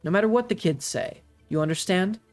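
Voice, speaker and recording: A game master voicing a calm, loving father in a tabletop game, speaking slowly and soothingly. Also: mid-range voice, faint music behind, voice pushed up, close to an everyday voice. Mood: tender. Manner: slow, soothing.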